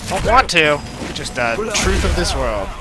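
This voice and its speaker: With lively intonation and a slightly high voice, an American gamer hosting a let's play talks a little slowly, offering wry, rambling, casual commentary. Loud game gunfire, ambience, and other background noise sit behind his voice.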